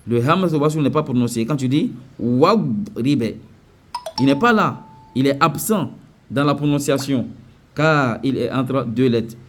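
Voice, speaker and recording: A man teaching Quran recitation rules in French, repeating each word slowly and often checking that students follow. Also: medium pitch. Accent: West African French. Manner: repetitive, drills pronunciations slowly, often checks understanding. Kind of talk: tajweed lesson.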